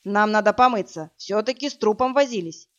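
A woman voicing a burly, crude male thug who barks orders and mocks, in a rough, coarse, threatening manner. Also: medium pitch, a little fast, lightly acted. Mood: gruff. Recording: dull lo-fi audiobook, faint music.

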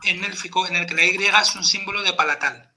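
A man's voice: high voice, steady tone, a little fast, sharp tone. A man explaining pronunciation rules step by step in a patient teaching chat, checking in with his listener. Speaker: podcast presenter teaching Elvish pronunciation.

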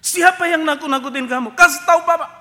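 A man acting out a boastful father who blusters loudly, then backs down in panic, in a reverberant church hall. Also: extremely high pitch, quick pace, pitched above the performer's own voice. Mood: blustering. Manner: loud shouting threats, then frantic denials.

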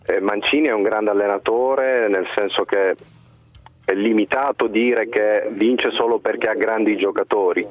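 A man's voice: lowish voice, no echo. A man calling in over the phone to a football radio show, making his point earnestly, step by step. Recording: dry, tinny phone line.

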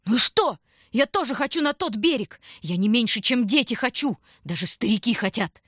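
A woman voicing a starving, desperate grown man who wails and shouts hysterically, in a storybook reading. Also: a little high, expressive, moderate pace, no echo, studio quality, voice pushed up. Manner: hysterical, wailing.

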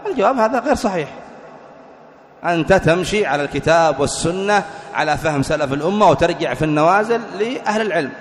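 A man delivers a religious lecture at a brisk clip and in a fairly high voice. He keeps asking rhetorical questions and answering them himself. The recording has a long hall reverb. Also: lively intonation. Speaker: preacher.

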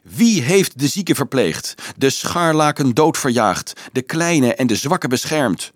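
A man's voice: medium pitch, animated, takes it slowly, dry recording, studio quality. A man voicing a proud, strong young hero who answers his accusers in a firm, defiant way.

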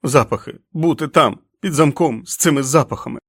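A man voicing a huge but gentle, childlike wolf-man who whimpers and pleads through tears, in a storybook reading. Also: medium pitch, brisk, breathy edge, no room sound, studio quality, pitched above the performer's own voice. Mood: anguished pleading.

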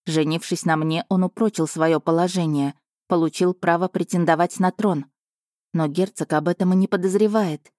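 A woman narrating a first-person romance novel in a measured storytelling manner. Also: lowish voice, a little mellow, dry recording, clean studio sound. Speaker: audiobook narrator.

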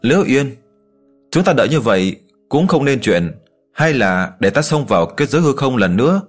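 A man voicing a calm young male martial hero who speaks reassuringly. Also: medium pitch, normal speed, soft background music. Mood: determined.

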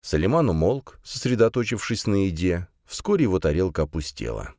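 Male audiobook narrator, low voice, expressive rise and fall, dry studio sound. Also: fairly quick, no room sound. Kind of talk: scripted narration.

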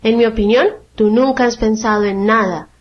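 A woman's voice: a little high, a little fast, slight background noise, lightly acted. A woman voicing a proud, condescending talking rose in a storybook reading. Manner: condescending, patronizing. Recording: dull lo-fi radio sound.

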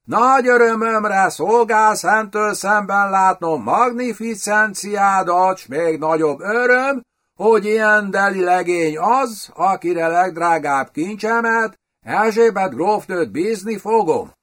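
A man voicing a foppish, affected foreign nobleman in an audiobook, with a hoarse voice and mannered, foreign-sounding pronunciation. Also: sits high, fairly bright tone, pitched above the performer's own voice. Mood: smug. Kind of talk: audiobook character voice.

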